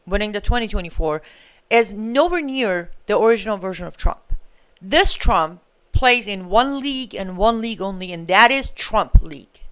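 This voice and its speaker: Woman host of a live political commentary stream, smooth and emphatic, argues hard and turns sarcastic. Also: medium pitch, fairly bright tone. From Iran. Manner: emphatic, argumentative, with sarcastic asides.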